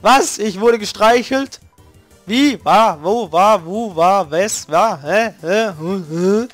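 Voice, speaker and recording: Nervous suspicious guard dog, voiced by a man, startled, repeats words, raised pitch, dry sound. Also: takes it slowly, no echo, faint music behind. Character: jumpy male guard dog who only sees movement.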